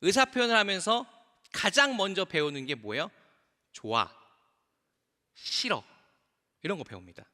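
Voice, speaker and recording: A male pastor preaching a sermon. He asks the congregation questions and drops to a soft, low voice to land his key points. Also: big pitch swings, fast. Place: church sanctuary. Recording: long church hall reverb.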